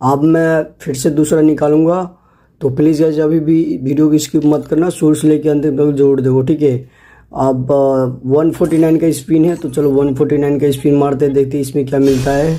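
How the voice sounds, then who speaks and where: A video host with an Indian accent gives casual, chatty gameplay commentary as a voice-over on a screen recording. His mellow voice is a little high and a little fast, with a flat delivery. He often addresses viewers directly and repeats himself.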